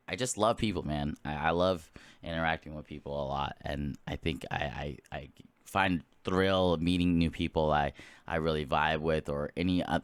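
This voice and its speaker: A man's voice: rumbling low, clean tone, dry recording. A man in his late twenties hosting a solo podcast, talking casually in a rambling way with lots of fillers and restarts. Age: late 20s. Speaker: podcast host.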